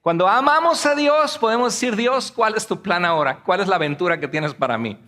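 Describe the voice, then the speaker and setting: A man preaching a sermon in a church with animated delivery, joking and acting out quotes. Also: high-pitched, fairly quick. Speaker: pastor. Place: church sanctuary. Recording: long hall reverb.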